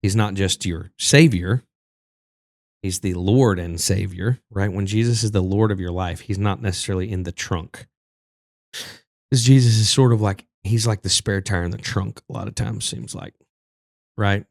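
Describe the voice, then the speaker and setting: A man's voice: lowish voice, normal speed, gravelly, dry recording, studio quality. A man from Texas, a singer-songwriter, talking casually as a podcast guest and telling loose stories. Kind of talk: casual conversation.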